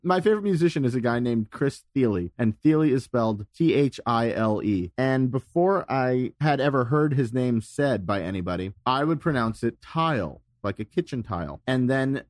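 A man hosts a podcast in loose, casual chat. He jokes and mocks himself, and his voice swings in lively rises and falls. The sound is dry and close, with no room echo. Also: mid-range voice, normal speed, hardly any pauses. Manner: animated, jokey, self-mocking. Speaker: podcast host.

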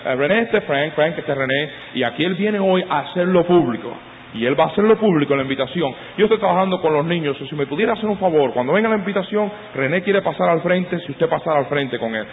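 A man preaching a sermon as pastor in a church, switching into quoted voices and climbing high and loud when he gets animated. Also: quick pace, a little hiss or hum. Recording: phone-like lo-fi sound, husky.

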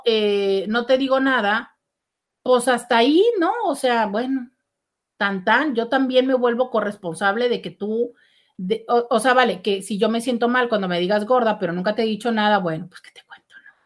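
Woman, middle-aged, lively talk-show host, fairly high pitch. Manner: chatty, warm, animated with exclamations. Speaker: radio host reading listener messages. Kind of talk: casual call-in show chat.

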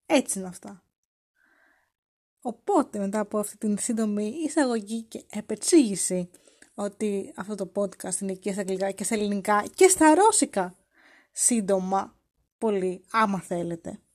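A woman's voice: mid-range voice, expressive, a little mellow. A woman hosting a podcast, talking casually and teasingly as she acts out quoted lines. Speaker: podcast host.

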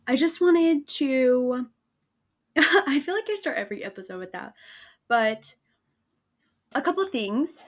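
A woman's voice: sits high, lively intonation, slow pace, long pauses. A young woman hosting a faith podcast, talking casually with lots of fillers, restarts and laughs. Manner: chatty, frequent fillers and restarts, laughs often. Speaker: podcast host.

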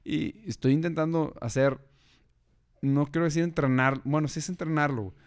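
A man's voice: a little high, fairly even intonation, moderate pace. Slangy Mexican man telling a story. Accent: Mexican Spanish. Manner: slangy, peppers speech with "güey". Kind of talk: casual chat, storytelling.

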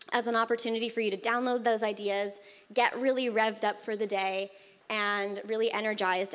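A woman coach giving an upbeat motivational talk to a live audience in a room. She is emphatic and repeats her key phrases. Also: medium pitch. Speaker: women's coach and guest speaker.

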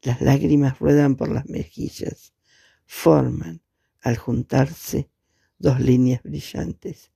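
A man narrating a fantasy short story in a measured, solemn manner. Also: medium pitch, steady tone, vocal fry, mellow, slightly rough, dry recording, studio quality. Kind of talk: storybook reading.

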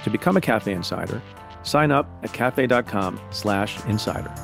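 A middle-aged man from India hosting a podcast, explaining news in a measured way and interviewing a guest. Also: on the low side, expressive, vocal fry, over music. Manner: measured, explanatory, reads ad copy. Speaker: podcast host.

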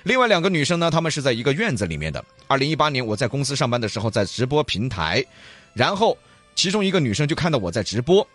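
A man's voice: mid-range voice, very animated, fast, fairly bright tone, slightly rough, faint music behind. A male talk show co-host with a Sichuanese accent, joking colloquially and reading out listener stories in a casual way.

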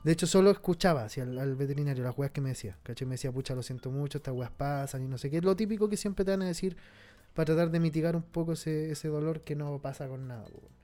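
Mellow-voiced Chilean man, slangy storyteller. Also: a little high, fast talker. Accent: Chilean Spanish. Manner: slangy, somber storytelling, frequent swearing. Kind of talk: casual chat.

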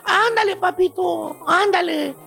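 A man's voice: very high voice, unhurried, gravelly, bright, forceful tone, soft background music, exaggerated voice. A man doing a doting, cooing mother. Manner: cooing, pleading, babying. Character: doting overprotective mother, woman, fussy and tender.

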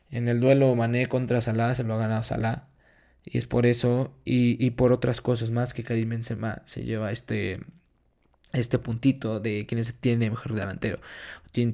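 A man's voice: medium pitch, vocal fry, warm tone. A man hosting an unscripted football preview, weighing players against each other and repeating key words for emphasis. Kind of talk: unscripted match analysis.

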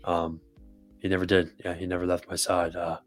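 A man's voice: low voice, completely flat delivery, moderate pace, faint music behind. A man co-hosting a podcast, talking in an earnest, emotional way and swearing casually. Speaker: podcast co-host. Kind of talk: casual heartfelt podcast talk. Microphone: podcast microphone.

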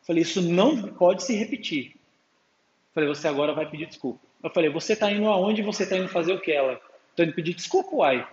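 A man preaches quickly and expressively to a congregation in a church hall, in a high voice with a darkish tone. He often calls for amens and acts out exchanges with his little daughter. The recording is echoey and dull, with a faint hum.

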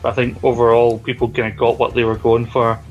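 A man's voice: medium pitch, monotone, fast, phone-quality sound, soft background music. A man giving opinions in a casual wrestling podcast chat, loose and conversational. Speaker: podcast panelist.

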